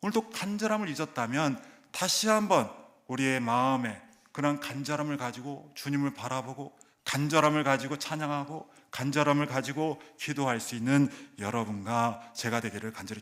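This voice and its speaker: A middle-aged male pastor delivers a sermon in a church, at a mid-range pitch. He presses hard on key words and then drops to a soft, low hush. He slips into acted voices for the people in the story he tells. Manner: emphatic preaching, swinging between loud calls and soft, low asides; acts out voices of crowd and characters. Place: church sanctuary.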